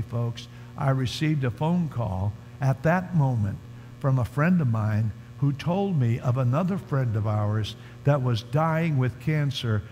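A man's voice: medium pitch, a little mellow, a little hiss or hum. A man preaching a sermon at a conference, telling a story emphatically and calling out to the congregation. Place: large conference hall. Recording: reverberant hall, faint music underneath.

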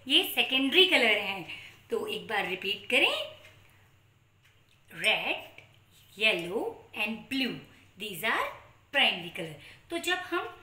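A woman's voice: mid-range voice, sing-song, drawn-out words, long pauses, bright, forceful tone. A woman in her thirties with an Indian accent, a kindergarten teacher presenting a children's lesson in sing-song, questioning teacher talk with playful kids' magician patter. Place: small room at home, indoors. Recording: echoey small room.

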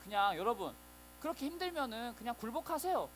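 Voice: medium pitch, big pitch swings, quick pace, a little hiss or hum, rough recording. A preacher giving a children's Sunday sermon, storytelling animatedly and acting out voices.

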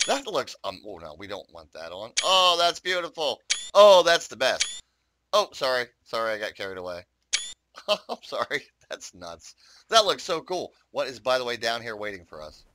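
A bright-voiced man rambles through casual commentary on his game, talking straight to viewers. His pitch swings up and down a lot, and he swears freely as he plays. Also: very animated, normal speed. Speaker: gaming YouTuber.

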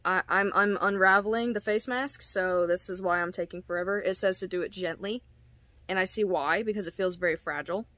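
A woman's voice: medium pitch, brisk, a bit bright, no room sound. Giggly rambling woman reviewing a face mask. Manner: giggly, self-deprecating and rambling. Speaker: product reviewer. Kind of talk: casual product review vlog.

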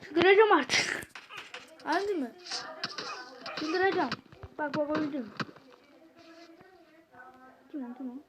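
A woman's voice: sits high, animated, takes it slowly, pauses often, a crowd in the background. A woman hosting a gaming channel, commenting on a mobile game while venting her exasperation to viewers.

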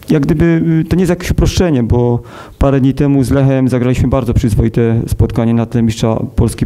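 Male coach in his thirties, very dark voice, hesitant, measured, many fillers, press conference table mic. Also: medium pitch, gravelly. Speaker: football coach. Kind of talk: post-match press conference. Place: press conference room with sponsor wall.

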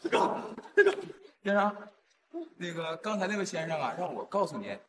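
A man playing a brisk messenger in a short melodrama. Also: on the high side, big pitch swings. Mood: smug urgency. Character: brisk male messenger relaying an ultimatum. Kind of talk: melodramatic short-drama acting. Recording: distant echoey hall, noisy.

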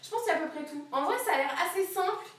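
Young woman streamer, high voice, chatty and giggly, rambling asides, mic far across the room. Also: animated, racing, background noise. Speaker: streamer cooking live. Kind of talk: casual live-stream chat while cooking. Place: home kitchen. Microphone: camera on a wobbly tripod across the kitchen. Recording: very echoey kitchen, voice far from the mic.

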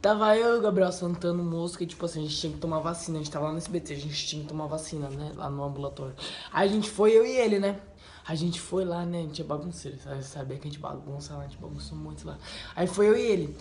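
A man's voice: on the high side, fast talker, vocal fry, a little hiss or hum. A man telling funny personal stories in a casual, rambling vlog at home, full of fillers. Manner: excitable, rambling, full of "tipo assim" and "né". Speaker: channel host. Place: at home by a wall indoors.

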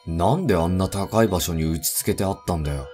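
A man narrating a first-person horror story in a deliberate, suspenseful way. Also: deep voice, darkish tone. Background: background music.

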